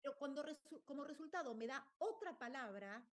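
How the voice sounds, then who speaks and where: A woman's voice: sits high, expressive, brisk. A woman teacher, explaining a lesson and often checking in with her listeners. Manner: explanatory, checks in with "¿está bien?". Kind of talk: online lecture.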